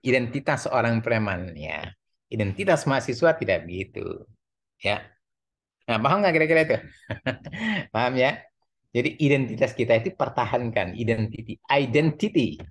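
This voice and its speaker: Rambling, lively Indonesian man lecturing. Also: medium pitch, moderate pace, pauses often. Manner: lively, rambling, repeats words, laughs at own jokes. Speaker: university lecturer. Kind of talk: casual classroom lecture.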